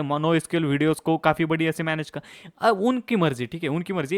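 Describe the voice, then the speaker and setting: A young man teaching a tutorial with a slightly raised voice. He talks quickly and casually, mixing English tech words into his speech and pausing often to check that the listener follows. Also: on the high side. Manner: fast-talking, mixes English terms into Hindi, frequent "okay, theek hai" check-ins. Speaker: course instructor. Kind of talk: casual screen-share tutorial.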